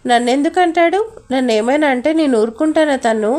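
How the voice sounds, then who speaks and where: A woman voicing a tender, worried young mother in an audio story, speaking softly and anxiously. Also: sits high, brisk, close to an everyday voice.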